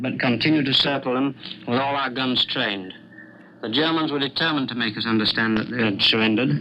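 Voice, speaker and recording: A British man, an air force pilot, giving a grave, measured, understated account in a 1940s wartime radio broadcast. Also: mid-range voice. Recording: muffled, noisy 1940s radio recording.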